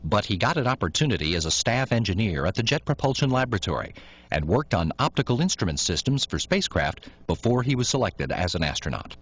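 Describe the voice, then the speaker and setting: A man reading scripted documentary narration in a measured, informative way. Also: medium pitch, slightly rough. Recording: dull lo-fi recording, dry.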